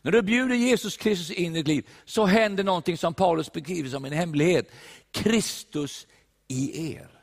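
An older man from Sweden preaching a sermon, animated and emphatic, recorded in a church. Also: sits high, hardly any pauses. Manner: animated, rising to emphatic peaks. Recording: long church reverb.

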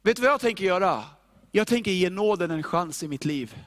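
A male pastor preaches in a notably high voice, animated and informal. He hammers points home through repetition, with casual, everyday wording. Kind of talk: sermon.

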